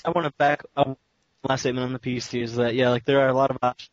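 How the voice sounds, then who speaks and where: A man's voice: mid-range voice, flat delivery, rapid-fire, dry recording. Man on a glitching, breaking-up call. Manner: frustrated, swearing at the connection. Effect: glitching, breaking-up online call audio. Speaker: podcast co-host. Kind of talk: casual chat. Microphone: internet voice call. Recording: dull, lo-fi call audio.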